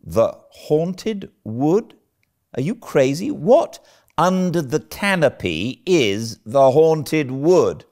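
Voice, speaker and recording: A man voicing a stern, no-nonsense older woman in a storybook, brisk, scolding and incredulous. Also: medium pitch, huge pitch swings, darkish tone, voice pushed up. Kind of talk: storybook character reading.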